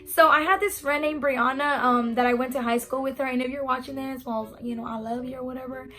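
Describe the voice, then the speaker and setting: High-voiced chatty young woman vlogger. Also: a little fast. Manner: chatty, animated, full of "like" and "you know". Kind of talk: storytime vlog.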